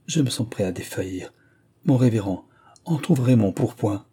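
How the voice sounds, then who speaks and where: A man's voice: lowish voice, lively intonation, normal speed, warm tone, slightly rough. A man reading aloud, voicing a dying old king who gasps and begs for air. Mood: faint, pleading. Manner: gasping, desperate cries.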